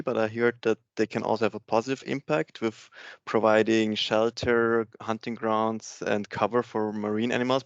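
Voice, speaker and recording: Male audience member from Austria, flat and gravelly, halting, dull dry call audio. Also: fairly low pitch, dry recording. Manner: halting, many fillers. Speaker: audience member asking a question.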